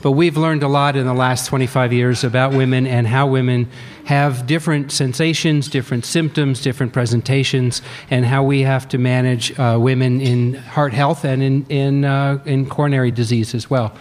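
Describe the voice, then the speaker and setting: Male cardiologist, mid voice, measured answers, live hall reverb. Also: medium pitch, steady tone. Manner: measured, lightly hesitant. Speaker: cardiologist guest. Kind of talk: expert explanation on radio. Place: reception hall.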